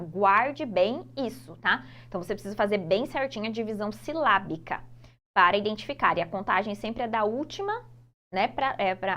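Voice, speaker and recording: A Brazilian woman teaching a Portuguese grammar lesson for exam prep, explaining patiently, repeating key points and drawing out example words slowly. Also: medium pitch, sharp tone. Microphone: phone.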